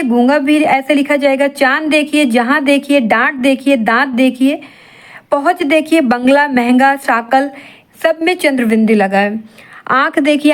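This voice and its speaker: A woman teaches an exam-prep grammar lesson. She works through each item in a steady, repetitive rhythm. She poses questions and answers them herself. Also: high voice. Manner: steady repetitive drilling, asks and answers her own questions.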